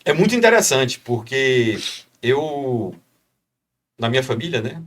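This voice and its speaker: A man from Brazil gives his conversion testimony on a podcast in a fervent, preacher-like way. He keeps tagging his phrases with a quick question. His voice sits a little distant from the microphone. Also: mid-range voice, big pitch swings, a bit bright. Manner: fervent, preacher-like, many "né?" tags. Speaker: podcast guest.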